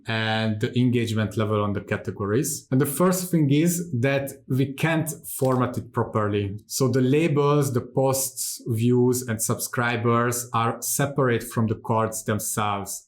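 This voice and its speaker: A man in his thirties from Hungary, calmly explaining software steps one by one in a screen-recorded tutorial, recorded seated in a home studio. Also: medium pitch. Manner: calm, methodical step-by-step explaining. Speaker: tutorial host.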